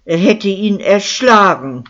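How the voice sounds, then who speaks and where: A woman's voice: mid-range voice, lively intonation, slow, a bit bright, voice pushed up. A narrator voicing a distraught, tearful middle-aged mother who speaks in sighs and half whispers, on a dull lo-fi recording. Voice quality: sighing, breathy. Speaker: character in a crime story.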